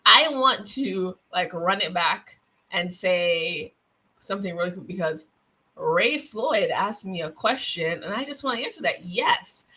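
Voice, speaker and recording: A woman's voice: fairly low pitch, expressive, a little slow, bright, forceful tone, poor audio. A woman hosting a casual livestream from her home office, chatty and self-deprecating with lots of fillers. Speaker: host and guild president. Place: home office with open windows.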